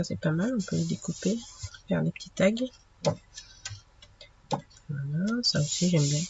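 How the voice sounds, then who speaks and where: A woman with a gravelly voice shows her craft finds, unhurried and chatty. Plenty of hesitations throughout. The recording is dull and lo-fi, with clear background noise. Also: sits low. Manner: unhurried, chatty, many fillers. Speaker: craft channel host. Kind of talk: casual haul video.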